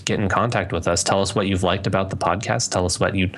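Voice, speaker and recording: A man's voice: sits low, steady tone, fast, fairly bright tone. A young man co-hosting a podcast in casual, rambling chat, often restarting his sentences. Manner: rambling, self-correcting, loose. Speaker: podcast co-host.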